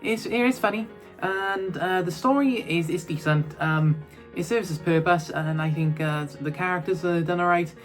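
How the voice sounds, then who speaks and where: A man's voice: high voice, moderate pace, soft background music. A man reviewing films in a casual, rambling chat, full of fillers and restarts. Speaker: film reviewer.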